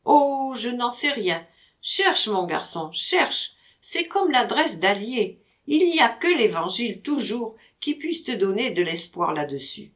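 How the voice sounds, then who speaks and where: A woman playing a teasing, witty gentleman master. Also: on the high side, very animated, measured pace. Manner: teasing, mock-stern banter. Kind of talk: audiobook character reading.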